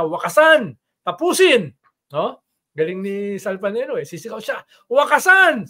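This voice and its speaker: An older man discussing politics in a casual talk show, explaining at length and tagging sentences with "no?". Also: high-pitched.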